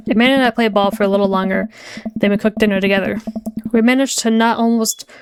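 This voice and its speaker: A woman's voice: medium pitch, steady tone, quick pace, clear, resonant tone, no echo. A woman streamer reading a visual novel aloud, with playful, chatty narration.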